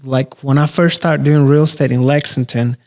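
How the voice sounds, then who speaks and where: Man, relaxed and rambling. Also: medium pitch, normal speed. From Albania. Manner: relaxed, rambling, with frequent fillers. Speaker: real estate investor guest. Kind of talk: casual interview conversation.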